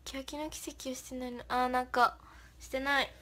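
A woman's voice: sits high, flat delivery, a little fast, sharp tone. A young woman hosting a casual livestream, reading viewer comments aloud, thanking them, and giggling often. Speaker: idol livestream host.

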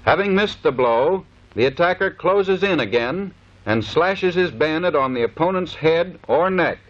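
A man with a rather high, expressive voice delivers unhurried, scripted, matter-of-fact instructions as narrator of a training film. The soundtrack has the dull, lo-fi quality of a 1930s film.

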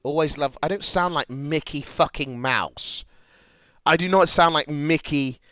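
A young man, streaming casually, excitable and profane, rambling between asides. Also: on the high side, a little slow, clean tone, no echo. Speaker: livestreamer. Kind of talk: casual livestream reaction chat.

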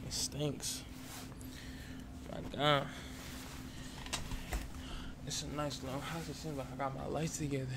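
Man doing a creaky, frantic beggar, ASMR role-play. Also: medium pitch, little pitch movement, a little slow, long pauses, very noisy, natural voice. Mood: rambling. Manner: rambling, repetitive, pleading. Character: frantic, begging, rambling male addict down on his luck.

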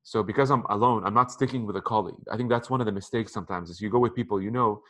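A man in his thirties, appearing as an interview guest, offers casual advice on a video call from an apartment room by a window, speaking through a headset. His voice is lowish and a bit bright, and he talks in a rapid-fire, conversational way, often repeating words.

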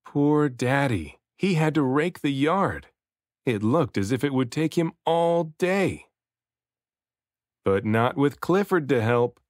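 A dad and voice actor reads a picture book aloud to young children, his medium-pitched voice rising and falling in a lively, animated way. He goes slowly, varying his delivery for emphasis, and the recording is dry and close with no room sound.

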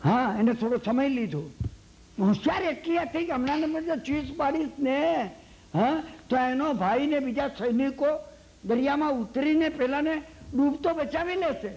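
A man delivering a Jain sermon with a Gujarati accent, his voice pitched very high. He tells a long story and acts out the characters' lines. He keeps checking that his listeners are following. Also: moderate pace. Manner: lively storytelling, acts out quoted lines, asks the hall "samjya ne?". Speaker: Jain lecturer.

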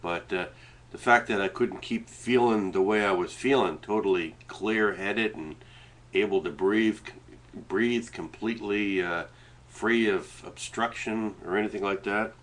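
Male, middle-aged, low-pitched, Canadian Maritime accent, nasally congested; halting, informal home-webcam rambling. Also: a bit bright. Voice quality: congested, stuffed-up nasal sound. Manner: rambling, hesitant, sometimes talking while eating. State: stuffy, runny nose. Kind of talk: casual chat to webcam. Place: small indoor room at home. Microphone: webcam setup at desk distance.

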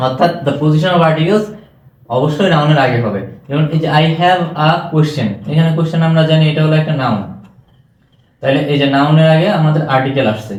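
Echoey Bangladeshi male teacher, higher-pitched. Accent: Bangladeshi Bengali. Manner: keeps asking students if they understood. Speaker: English teacher. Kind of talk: exam-prep lecture. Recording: echoey room.

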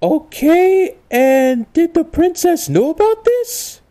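A woman plays an earnest cartoon game hero, flustered and halting. The voice sits high and leaps around wildly, with a soft, mellow tone, in amateur comedy fan-dub style. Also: very animated, exaggerated voice. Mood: resigned. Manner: hesitant, halting, exclaiming.

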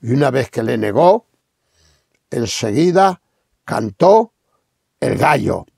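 A middle-aged man from Spain preaching a sermon, reading Scripture slowly and emphatically with rhetorical questions. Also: mid-range voice, big pitch swings, creaky, darkish tone, breathy edge, dry recording, studio quality.

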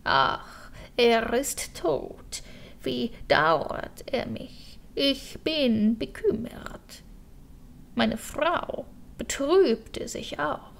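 A woman voicing a talkative male crow who mourns his wife and pleads with the king, in an audiobook verse reading with a lamenting, often breathy, hushed delivery. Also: sits high, very slow, exaggerated voice.

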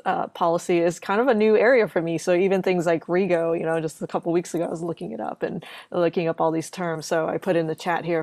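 A woman's voice: lowish voice, a little mellow, dry recording. A woman moderating a live online webinar, chatty and welcoming, with many fillers. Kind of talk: casual live webinar hosting.

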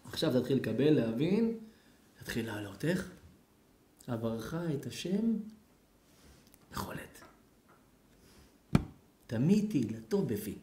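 A man, a rabbi, giving a sermon to a congregation, dramatic and swinging from loud outbursts to near-whispers. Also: medium pitch, big pitch swings, a little hiss or hum. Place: community lecture hall. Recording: echoey hall.

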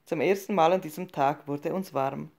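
A woman narrating a short story as an audiobook reading, in a calm, measured and subdued way. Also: low-pitched, vocal fry.

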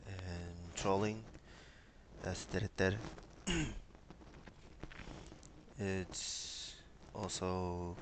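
A young man from Micronesia answering interview questions over a headset on a video call, hesitant and pausing with many fillers. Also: low-pitched, noisy background. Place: small room with bookshelves, indoors.

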